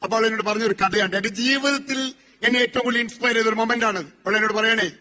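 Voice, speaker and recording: A man's voice: very high voice, steady tone, fast talker, pushed and bright. A man in his forties giving a motivational speech, telling stories and asking rhetorical questions. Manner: storytelling with rhetorical questions and repetition. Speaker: motivational speaker.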